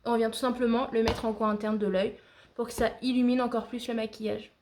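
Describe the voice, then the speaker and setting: A woman's voice: on the high side, level tone, fast talker, loud music behind the voice. A woman giving a casual makeup tutorial, chatting to viewers like friends with frequent hesitations. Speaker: beauty vlogger.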